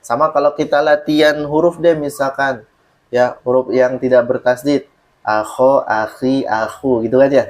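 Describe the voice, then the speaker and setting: A man's voice: medium pitch, little pitch movement, normal speed, darkish tone. A man teaching Quran recitation in an online lesson, patiently explaining rules and reciting examples, often checking that the student understands.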